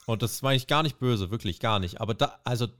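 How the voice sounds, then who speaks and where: A man's voice: medium pitch, fast talker, a bit bright. A man hosting a casual wrestling review, recapping and joking and acting out quotes in put-on voices. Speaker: host.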